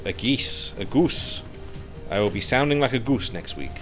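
Talking to himself as he plays, this thirty-something streamer gives chatty, casual commentary at a moderate pace in an animated, medium-pitched voice. The headset mic also picks up game music under his speech.

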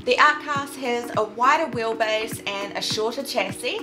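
A woman's voice: a little high, unhurried. Kiwi woman co-hosting over music. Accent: New Zealand. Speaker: RC vlog co-host. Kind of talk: casual vlog talk. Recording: echoey with music behind.

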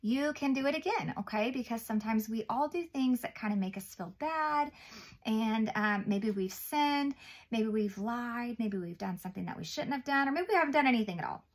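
Woman in her 30s, kinda high voice, doing a kids bible lesson, simple n encouraging like reading to a toddler. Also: animated, normal speed. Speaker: host of children's Bible readings. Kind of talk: Bible lesson read and explained to young children. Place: small indoor room, seated at a table.

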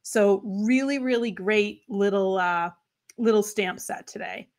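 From her home craft room, a woman in her thirties with a Boston accent runs a crafting livestream, chatting cheerfully with viewers and addressing them by name. Her voice is mid-range and her pace measured.

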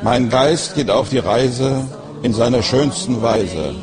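A man reciting a devotional poem in slow, measured lines. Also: medium pitch, crowd noise.

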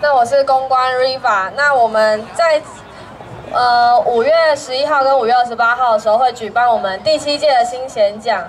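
High-voiced young woman, Taiwanese accent, announcing. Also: normal speed. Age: young adult. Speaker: student club publicity officer. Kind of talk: live event announcement. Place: outdoor evening festival stage. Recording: distant outdoor stage sound.

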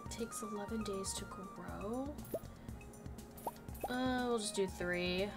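A female gaming channel host takes it slowly, her medium-pitched voice a little nasal from a lingering cold. She chats casually through a let's play, addressing the game characters as she goes, with game music in the background.

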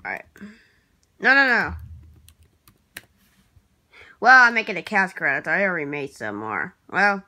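A woman vlogging casually in a hesitant, rambling way, restarting her words, clearing her throat and apologizing often. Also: on the low side, big pitch swings, measured pace, long pauses, sharp tone. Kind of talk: casual vlog talk while working at a computer.

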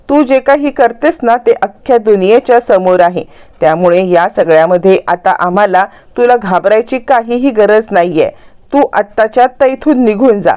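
A woman's voice: medium pitch, warm tone, smooth, lightly acted. A woman voicing a fierce tenement mother who sharply scolds the woman who hit her son, in a story recap.

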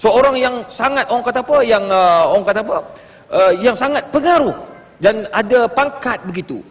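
A man's voice: very high-pitched, expressive, fairly quick. A man in his late thirties speaking as a panelist on a religious forum, telling stories with animation and addressing the audience. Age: late 30s. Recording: dull, echoey hall broadcast sound.

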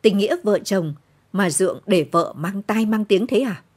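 A woman voicing a fierce, combative older peasant woman who scolds in shrill, loud outbursts. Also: animated, normal speed, breathy edge. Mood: scolding.

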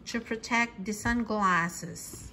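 A woman casually unboxing sunglasses at home, chatty and excited with lots of fillers. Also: a little high, slow pace, slight background noise, rough recording. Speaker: vlogger. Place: home kitchen.

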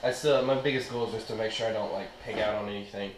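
The speaker is a young adult fitness vlogger chatting informally to camera, full of slang, indoors in home kitchens and a gym. His voice is fairly low and steady, and he talks fast. The action camera, held at short range, records roomy echo and clear background noise.

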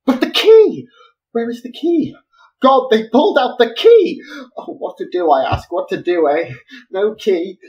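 An actor playing a frantic, eccentric inventor who exclaims and pleads in a flustered way. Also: male voice, high-pitched, moderate pace, mellow, lo-fi sound, lightly acted.

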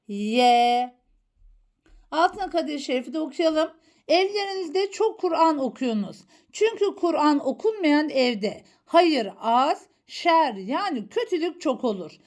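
A woman's voice: sits high, a little mellow. A woman teaching a Quran reading lesson, sounding out letters one at a time and correcting common mistakes. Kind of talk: slow, careful Quran alphabet lesson.

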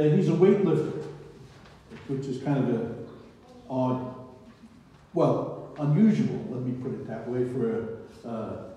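In a small indoor church hall, an American preacher in his seventies delivers an informal, digressive sermon, speaking conversationally and frequently checking in with "right?". His mid-range voice has a warm tone. A far-off camera or phone microphone captures echoey hall sound.

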